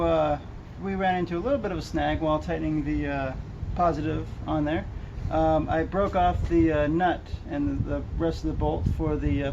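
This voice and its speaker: A man's voice: a little high, highs cut off, background noise. A man casually walking viewers through a car repair outdoors, easygoing and hesitant, full of fillers. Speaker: DIY car repair vlogger. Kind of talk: casual how-to walkthrough.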